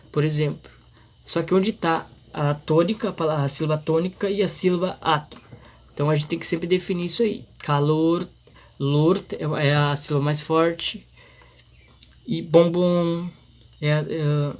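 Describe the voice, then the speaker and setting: A man explaining a grammar lesson in an informal, halting way, full of restarts and fillers. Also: fairly high pitch. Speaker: teacher.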